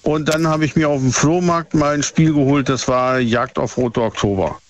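Ein Mann in seinen Fünfzigern aus der ehemaligen DDR ruft bei einer Radiosendung an und erzählt stockend mit vielen „ähm“. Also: male voice, medium pitch, fairly even intonation, normal speed. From former East Germany. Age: 50s. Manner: hesitant, many fillers. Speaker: caller. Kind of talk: phone call to radio show. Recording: muffled phone line, faint noise.

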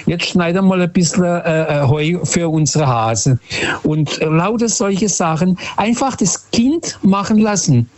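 A man from Portugal talks in German, his voice sitting a little high for a man. He tells his stories earnestly and reflectively, pausing often with small hesitations. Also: darkish tone. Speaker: interviewee. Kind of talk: casual storytelling conversation.

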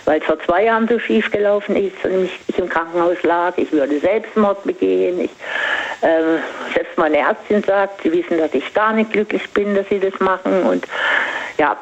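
An older woman calling in, confiding personal matters in halting phrases with pauses. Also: fairly low pitch. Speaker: caller. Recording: dull phone line.

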